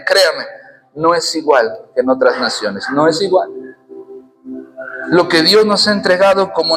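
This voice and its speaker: A man's voice: sits high, poor audio. A Mexican man with a Mexican accent preaching a fiery, humorous sermon to his church congregation, often calling out to them directly. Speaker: pastor.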